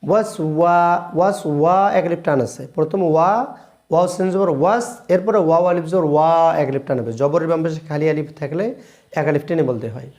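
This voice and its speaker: A man teaching Quran recitation, chanting verses slowly and drawn out, then explaining the pronunciation in plain speech with a Bangladeshi Bengali accent. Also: a little high, a little mellow. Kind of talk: slow drilled recitation lesson.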